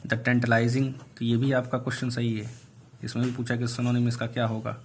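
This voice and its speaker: A male English teacher going through exam questions one by one, reading each aloud slowly and explaining the answers. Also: medium pitch, completely flat delivery, a little hiss or hum. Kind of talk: online exam answer review.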